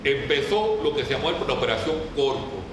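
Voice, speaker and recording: A man's voice: mid-range voice, very animated, normal speed. Man, Puerto Rican Caribbean accent, informal lecturer, colloquial, questioning, distant mic, noisy recording. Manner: didactic, colloquial, puts questions to listeners. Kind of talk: informal political history talk to a group. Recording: very echoey room, distant mic, clear noise.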